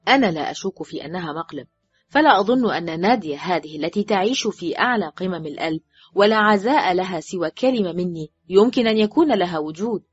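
A woman's voice: on the low side, lively intonation, fast, breathy edge, no room sound. A woman reading an audiobook voices a man, a surgeon, dry and easily irritated, curt and sardonic. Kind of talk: audiobook character voice. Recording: dull, dry recording with faint music.

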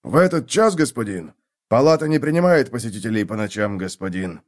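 A man voicing a gruff city guard sergeant who speaks curtly and mocks his prisoners. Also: fairly low pitch, expressive, a little fast, natural voice. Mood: stern. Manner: curt, growling, mocking. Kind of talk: audiobook character voice.

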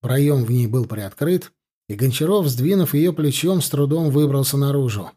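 A male audiobook narrator reading in a steady, measured manner. His voice sits in a middle pitch with a husky, slightly breathy texture. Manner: measured storytelling. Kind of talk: scripted narration.

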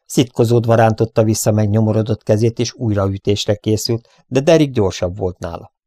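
A man reading an adventure audiobook aloud in a steady storybook narration. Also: lowish voice, no room sound, clean studio sound. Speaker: audiobook reader.

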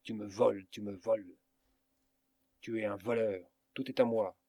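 A man voicing a greedy old rope-maker who shouts possessively, in a storybook reading. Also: lowish voice, little pitch movement, a little slow, no room sound. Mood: frantic. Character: greedy old male rope-maker, frenzied over gold.

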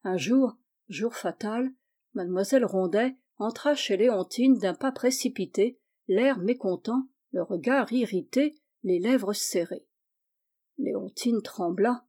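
A woman reading a classic novel aloud in measured, clear narration. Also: medium pitch, warm tone. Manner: measured and clear, acts out the dialogue. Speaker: audiobook reader.

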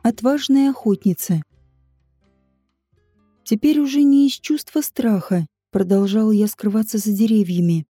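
A woman narrating an adventure novel audiobook in an even, measured reading. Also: medium pitch, husky, no room sound, clean studio sound, soft background music.

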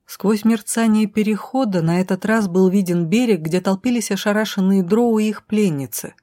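A woman narrating a first-person audiobook with an expressive, dramatic reading. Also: mid-range voice, moderate pace, no room sound, studio quality.

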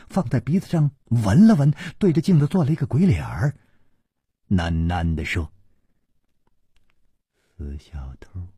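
Husky dramatic male storyteller. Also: no echo, studio quality. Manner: dramatic, slow, with sweeping pitch and sudden hushes. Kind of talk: traditional Chinese storytelling narration.

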